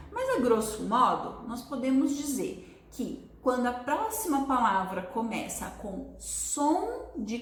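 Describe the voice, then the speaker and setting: A woman teaching a beginners' English lesson, explaining patiently and drawing out her example words slowly. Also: a little high. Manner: checks in with listeners often. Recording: echoey room.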